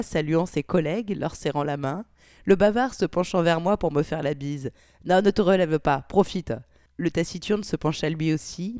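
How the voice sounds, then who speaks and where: A woman's voice: deep voice, darkish tone, no echo, clean studio sound. A woman narrating an erotic audio story in an intimate, sometimes whispery tone.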